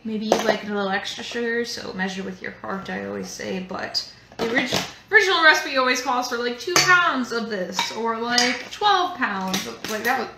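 This young adult host of a museum cooking show runs a casual live demo at home, rambling and chatting with many fillers. Her fairly high voice has vocal fry and a moderate pace. The recording picks up kitchen echo and background noise.

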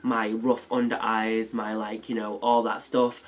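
A man's voice: lowish voice, level tone, unhurried, soft background music. Nasal man with a cold. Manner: chatty, rambling, self-deprecating. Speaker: beauty vlogger. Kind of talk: casual chat.

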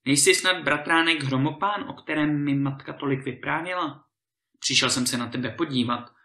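A man voicing a bold, cheerful young hero in a storybook reading, with a lively, eager delivery. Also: on the high side. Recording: roomy echo.

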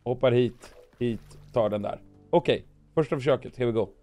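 A man hosting a gaming video gives playful commentary, voicing his moves with comic sound words, his voice hoarse from weeks of coughing. It's a warm tone at a medium pitch.

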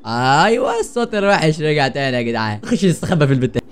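A young gaming channel host with an Egyptian Arabic accent jokes around and gets startled while playing a horror game in a let's play, chatting with his viewers. His voice sits on the high side and is very animated, with rapid-fire delivery. Slight background noise is audible.

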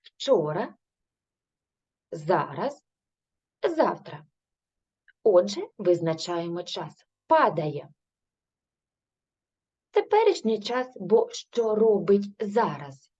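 This is a recorded third-grade language lesson from a Ukrainian woman who teaches primary school. Her voice is husky and mellow with a lively pitch, and she patiently poses questions at a slow pace, then answers them herself; the recording is dull and lo-fi.

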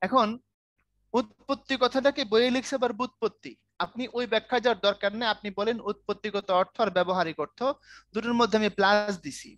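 A man's voice: sits high, steady tone, fast talker, a bit bright, no echo. A man teaching a Bangla language class online, joking and often checking that students follow.

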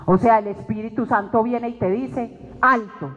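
At a weekly faith meeting, a woman delivers an emotional testimony sermon, telling her story dramatically and acting out her own words. Her slightly high voice stays steady at a moderate pace, with faint music behind, in a dull recording from a reverberant hall.

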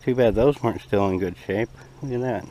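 A man's voice: on the low side, a little fast, warm tone, rough recording. A man chatting casually to his viewers while recording a camping vlog out in the open. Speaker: outdoor camping vlogger. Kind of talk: casual outdoor vlog chat. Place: outdoors on an open rocky lakeshore. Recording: outdoor action camera, faint background noise.

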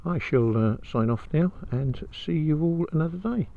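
A man's voice: on the high side, lively intonation, moderate pace. A British man chatting casually as he vlogs from a motorbike, his voice enclosed inside a helmet. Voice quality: muffled, enclosed sound from talking inside a helmet. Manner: chatty, colloquial. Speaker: motorcycle vlogger. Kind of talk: casual vlog chat while riding. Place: outdoors, riding a motorbike on country roads. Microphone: microphone inside the helmet. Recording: muffled helmet mic, loud wind and engine noise. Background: wind and vehicle noise.

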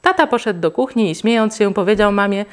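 A woman's voice: mid-range voice, animated, fairly quick. Woman reading a children's story aloud. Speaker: reader.

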